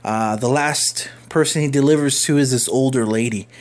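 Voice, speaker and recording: A man at a middling pitch talks through a comic book in a loose, casual review. He rambles and keeps restarting his sentences, filling the gaps with ums and uhs. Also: moderate pace. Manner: rambling, many fillers and restarts.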